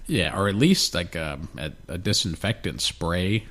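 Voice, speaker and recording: This man's voice sits low and a bit bright, animated but unhurried. Co-hosting a podcast close on a studio mic with headphones, he chats in a laid-back, profane, rambling manner, with a slightly snotty, nasal sound.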